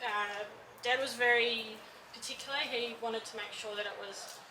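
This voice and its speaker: Woman, fairly high voice, stop-start, recorded echoey and off-mic. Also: fairly even intonation, normal speed, far from the mic. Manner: hesitant, full of ums and uhs. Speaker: interviewee, bike shop owner. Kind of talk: casual outdoor interview. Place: outdoor motorcycle show. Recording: echoey, off-mic with loud background noise.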